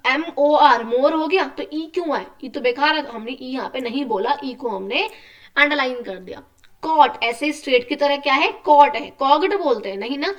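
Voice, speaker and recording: Female teacher for young kids, high voice, mic a bit far off, repeats and quizzes. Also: fairly bright tone. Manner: repeats words slowly for children, asks rhetorical questions. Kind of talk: explaining a school lesson to children.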